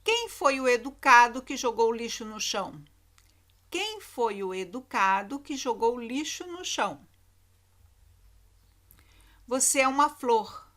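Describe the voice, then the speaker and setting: A woman's voice: a little high, big pitch swings, slow pace, long pauses, fairly bright tone. A Brazilian woman teacher giving a recorded lesson to children, repeating key words with emphatic intonation. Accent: Brazilian Portuguese.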